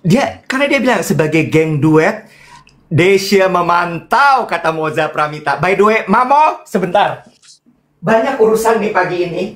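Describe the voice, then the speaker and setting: Pria bercerita dengan nada sangat lincah. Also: male voice, normal speed. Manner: animated storytelling, shrill voices for quoted people. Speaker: co-host. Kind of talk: casual gossipy chat.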